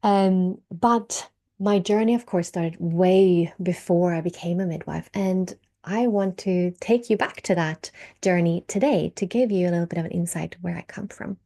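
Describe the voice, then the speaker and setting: Woman in her thirties, Swedish accent with American and Australian traces, low-pitched, gravelly, podcast monologue. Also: moderate pace, warm tone. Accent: Swedish, mixed with American and Australian English. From Sweden. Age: 30s. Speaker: podcast host and birth work mentor.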